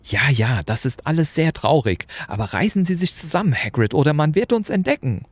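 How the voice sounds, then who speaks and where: A man's voice: on the high side, big pitch swings, brisk, voice pushed up. McGonagall, a stern older witch voiced by a man. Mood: urgent.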